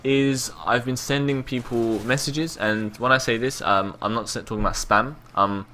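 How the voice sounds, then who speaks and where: Rambling young London man, bright voice. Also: mid-range voice, steady tone, normal speed, slight background noise. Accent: London English. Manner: rambling, repeats words, casual swearing. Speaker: gameplay commentator. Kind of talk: casual gameplay commentary.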